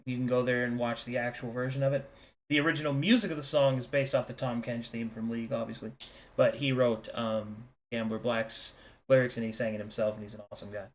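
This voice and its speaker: A man's voice: medium pitch, fairly even intonation, fast talker. A man talking casually to players and listeners as host and game master of a tabletop role-playing show.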